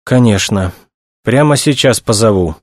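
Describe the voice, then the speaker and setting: A man's voice: lowish voice, animated, a little slow, no echo, clean studio sound, pitched above the performer's own voice. A man reading aloud, voicing a fussy older male official who speaks in a plaintive, exclaiming way. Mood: lamenting.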